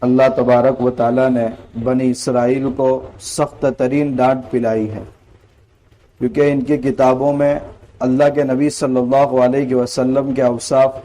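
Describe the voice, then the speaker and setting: A man's voice: medium pitch, dark tone, low-quality recording. A man, an Islamic scholar, giving an earnest Quran commentary lesson, explaining verse by verse, reciting the Arabic lines and asking rhetorical questions to drive points home.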